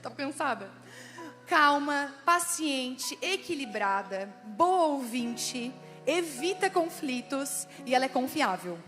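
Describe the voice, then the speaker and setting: A woman with a Brazilian Portuguese accent preaching to a women's church audience, chatty and animated, speaking straight to the crowd. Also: sits high, slow, in a large hall, soft background music. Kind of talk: lively church talk to women.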